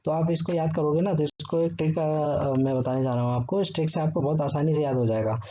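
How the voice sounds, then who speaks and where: A man walks students through a history lesson in a patient, explanatory way, checking in with them often. His voice sits a little high but sounds mellow and relaxed. The recording is dull and lo-fi, with faint noise underneath. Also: fairly quick. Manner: explanatory, repeats "ठीक है" often. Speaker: teacher. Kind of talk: exam-prep history lesson.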